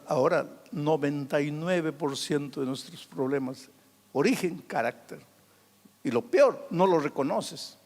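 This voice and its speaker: A male pastor preaching a dramatic sermon, swinging from loud outbursts to hushed, soft passages. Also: fairly high pitch. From Peru. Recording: long hall reverb.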